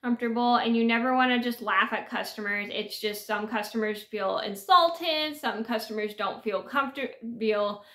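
A woman in her thirties speaks straight into a webcam from a small bedroom, her voice pitched a little high and bright. She talks earnestly, circling back over her points with fillers and restarts, and the room gives her a noticeable echo. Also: normal speed, hardly any pauses. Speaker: vlogger. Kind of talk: casual talk to camera. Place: small bedroom with sloped ceiling.

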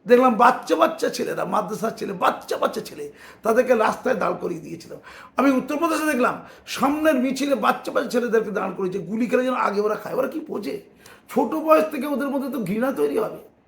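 A man giving an impassioned public speech, building on repeated rhetorical refrains, sometimes shouting and laughing wryly. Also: extremely high pitch, animated, fast, gravelly, roomy sound. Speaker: speaker giving a statement.

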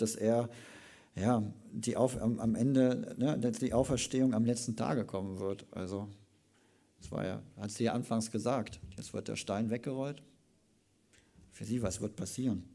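A man preaching in a church service, retelling a Bible story in a lively way and adding casual asides. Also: mid-range voice, gravelly.

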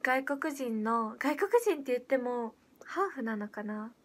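High-voiced teen girl, soft and hesitant. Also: measured pace. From Japan. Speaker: idol audition candidate. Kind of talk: casual livestream chat reading viewer comments.

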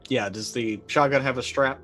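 A middle-aged man plays a tabletop roleplaying game over a video call from an indoor room, narrating casually and thinking aloud in hesitant bursts. His mid-range voice is fairly bright and moves at a moderate pace, with faint music in the background.

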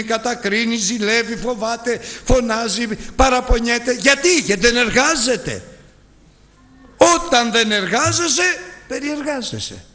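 Impassioned male preacher in a large hall. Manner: impassioned, with sudden swings between loud emphasis and low, hushed lines. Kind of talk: sermon.

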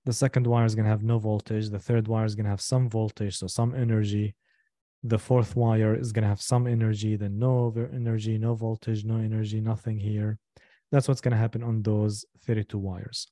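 Patient man teaching in a dark voice. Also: on the low side, flat delivery, no echo, clean studio sound. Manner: patient, repeats and slows down to explain step by step; asks the class for checks and questions. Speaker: instructor. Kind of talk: live online lecture.

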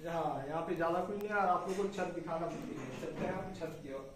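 Talking a little fast in a voice on the high side, a young adult man casually tours a small concrete house, walking from the bare rooms to the rooftop while chatting with the sister who films him. The camera mic is a few steps off, capturing echo and background noise.

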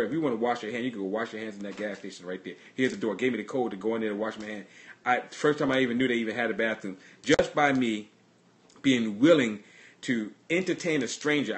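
A man pastor giving a livestreamed sermon, earnestly telling personal stories and often restarting his sentences. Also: medium pitch. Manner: halting, restarts and repeats words; earnest storytelling.

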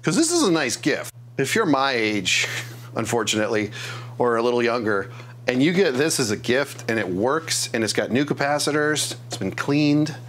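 Retro video game music plays in the background, along with slight noise, as a middle-aged man at his home workbench tests a console he fixed. He's a craft and repair YouTuber narrating a casual vlog in a mid-range, fairly bright voice with big pitch swings and a moderate pace, humming, joking, and laughing at his own expense.

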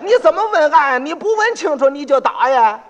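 A man's voice: very high voice, animated, brisk, a faint crowd, voice pushed up. A man voicing a frightened, flustered young pot seller who stammers and pleads shrilly. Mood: indignant.

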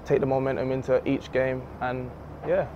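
A man's voice: medium pitch, normal speed. A man playing a candid young footballer. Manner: relaxed, candid, laughs easily. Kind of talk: post-match interview. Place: empty football stadium stands, outdoors. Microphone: handheld reporter mic. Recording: slightly dull outdoor audio with faint noise.

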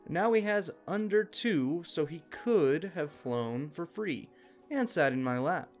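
A man giving a scripted narration of an online post in a steady, even reading manner. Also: on the high side, slow pace, faint music behind. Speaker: story narrator.

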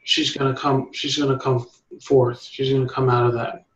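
A man's voice: mid-range voice, flat delivery, moderate pace, echoey room, highs cut off. A man leading an art meetup, giving encouraging critique and often restarting his sentences. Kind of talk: art critique, casual coaching.

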